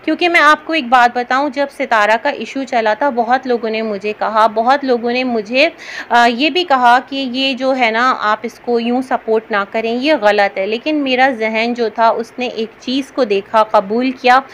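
Higher-pitched woman giving opinionated commentary. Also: a little slow, fairly bright tone, slight background noise. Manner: chatty and opinionated, frequent hesitant fillers. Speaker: YouTube reaction commentator. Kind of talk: opinionated reaction vlog commentary.

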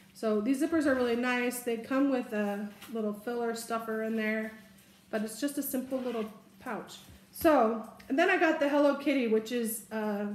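A woman in her forties chatting casually and a bit rambling as she shows off her shopping haul to a camera at a table. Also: fairly high pitch. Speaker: haul vlogger. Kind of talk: casual product haul chat. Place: room indoors, seated at a table. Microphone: camera in front at table distance. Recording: echoey room.

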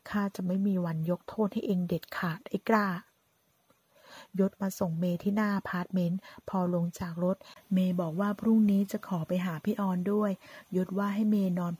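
A woman narrating a drama story in a steady storytelling voice, voicing every part herself. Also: mid-range voice, breathy edge, no room sound. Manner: reads all parts in one voice, quoting lines with light shifts.

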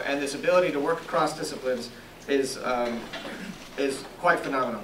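A man's voice: medium pitch, a bit bright. A young man moderates an event and introduces the speaker into a handheld mic. He speaks hesitantly, with frequent "um" and self-corrections. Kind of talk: formal introduction. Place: lecture room, indoors, at a podium. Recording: echoey room, distant camera mic, audible noise.

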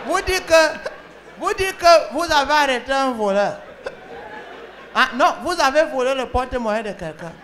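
A woman with a Cameroonian French accent playing an excitable, scolding female emergency call operator in a comedy sketch, talking to callers on the phone. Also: sits high, slight background noise. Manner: scolding, excitable, often laughing and shouting. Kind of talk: comic sketch, one side of phone calls.

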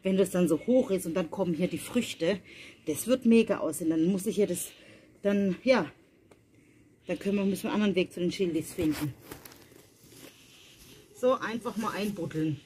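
In this casual family vlog, a mother gardens at night and speaks chattily to her audience. Her fairly low, dark voice moves at a normal speed with long pauses, against slight background noise.

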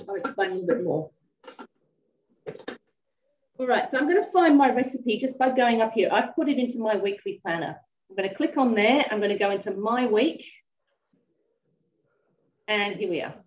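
A woman's voice: a little high, lively intonation, a little fast. Woman chatting through a cooking demo. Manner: chatty, talks while working. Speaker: cooking demonstrator. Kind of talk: live cooking demo chat. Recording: roomy, dull sound from a distance.

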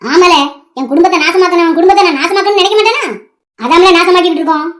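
A woman's voice: very high voice, rapid-fire. A performer voicing a vengeful, scheming old village woman in a cartoon, speaking in a taunting, scolding way. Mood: scornful. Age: older. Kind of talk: animated cartoon voice acting.

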